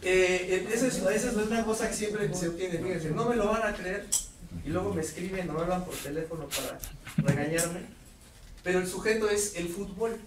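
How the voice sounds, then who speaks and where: A man giving a lively workshop lecture to teachers, putting questions to the audience. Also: sits high, normal speed, crowd noise. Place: lecture hall. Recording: roomy hall audio from far off, faint noise.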